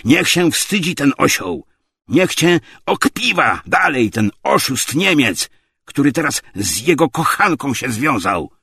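A man voicing a coarse, spiteful man who shouts and mocks in a hoarse voice. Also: mid-range voice, sing-song, slow, no room sound, studio quality, pitched above the performer's own voice, heavily acted. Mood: furious. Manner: shouting, mocking, abusive.

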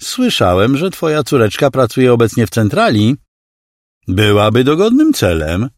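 A man's voice: mid-range voice, big pitch swings, moderate pace, no room sound, clean studio sound, pitched above the performer's own voice, natural voice. A man voicing a cruel male alien clone villain who mocks and threatens in a condescending, menacing way. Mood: mocking menace. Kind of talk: audiobook character voice.

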